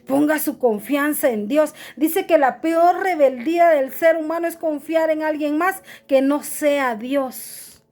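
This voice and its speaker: A woman's voice: high-pitched, measured pace, hardly any pauses, darkish tone. A middle-aged woman pastor, preaching earnestly and calling her listeners brother. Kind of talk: sermon.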